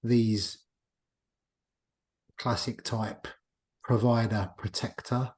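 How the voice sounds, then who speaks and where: A man's voice: mid-range voice, steady tone, drawn-out words, darkish tone. A man hosting a podcast, talking in a reflective, casual way and often restarting his sentences as he thinks aloud. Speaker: podcast host. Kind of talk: casual conversation.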